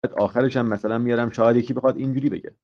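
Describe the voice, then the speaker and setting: A man's voice: medium pitch, fairly even intonation, dull audio. A man teaching an IELTS grammar lesson live, asking the class questions, explaining step by step and dropping in English example phrases.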